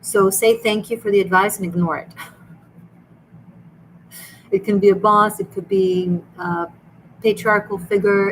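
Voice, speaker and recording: Over slightly noisy, poor-quality audio, a tarot reader speaks in a medium pitch with an Israeli Hebrew accent. Hosting a live-streamed tarot and dream reading, she talks to viewers in a chatty, earnest manner and keeps starting over.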